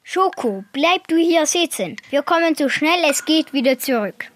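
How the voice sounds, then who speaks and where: Fields: Figure: sensible young friend voiced by a woman. Pitch: high. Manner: calm, reassuring. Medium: children's audio story. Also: normal speed.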